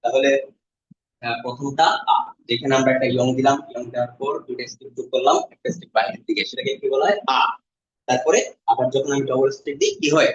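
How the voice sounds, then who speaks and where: A male language teacher with a steady, mid-range voice leads his class through vowel shapes one step at a time. He repeats each sound slowly and quizzes the students with questions. The classroom recording is dull and lo-fi.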